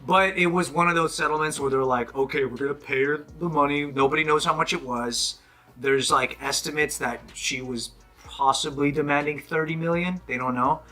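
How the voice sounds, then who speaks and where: Guy telling a story kinda hesitant, lots of uh and like, bright voice. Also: a little high, normal speed. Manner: hesitant, filler-heavy retelling. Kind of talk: casual chat.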